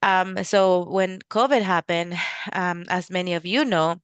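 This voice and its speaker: A middle-aged woman from Mexico hosting a casual webinar, talking in a halting way with many restarts and fillers. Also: fairly low pitch, clear, resonant tone, no room sound. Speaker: real estate investor hosting a webinar.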